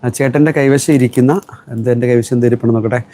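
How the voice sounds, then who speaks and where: Fast-talking man selling live. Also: medium pitch, steady tone, warm tone. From Kerala. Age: middle-aged. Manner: chatty, reads viewer comments aloud and answers them. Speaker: textile shop owner selling live. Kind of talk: live-stream product selling.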